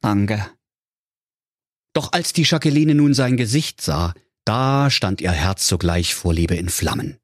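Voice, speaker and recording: A man reading a comic fairy tale aloud in a lively, mock-solemn manner. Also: on the low side, husky, no room sound, clean studio sound. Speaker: storyteller.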